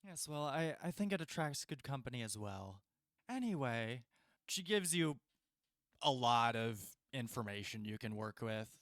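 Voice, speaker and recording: A man's voice: mid-range voice, very animated, normal speed, a bit bright, no echo, clean studio sound. A man narrating a tabletop game as game master, chatty, with frequent laughs and fillers.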